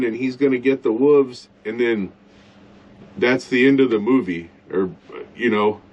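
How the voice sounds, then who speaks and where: A man's voice: mid-range voice, a little mellow, lo-fi sound. A man rambling bluntly in a casual vlog from inside his truck at a campsite, eating as he talks. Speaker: vlogger.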